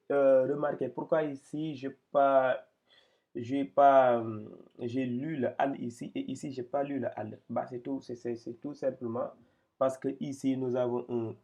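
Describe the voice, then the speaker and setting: Gravelly man teaching, patient and halting. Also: medium pitch, warm tone, dull audio. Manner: patient, hesitant, repeats words while pointing at text. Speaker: Quran reading teacher. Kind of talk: explanatory lesson.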